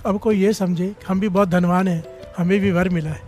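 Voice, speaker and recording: A man preaches a story-driven sermon in a high voice. He keeps prompting the congregation to answer him aloud. Soft music plays faintly behind him. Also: fairly even intonation, normal speed. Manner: repeatedly calls on the congregation to respond. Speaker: Sikh preacher giving katha.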